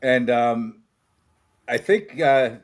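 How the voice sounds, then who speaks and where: A man's voice: medium pitch, expressive, very slow. A man in his fifties hosting a casual interview, telling stories and laughing often. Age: 50s. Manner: chatty storyteller, laughs often. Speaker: host.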